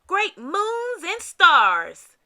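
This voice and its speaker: Woman voicing a hearty, bright storybook Santa. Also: very high-pitched, huge pitch swings, extremely slow, voice pushed up, heavily acted. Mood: weary surprise. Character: jolly, hearty old Santa Claus. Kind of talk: children's storybook character voice.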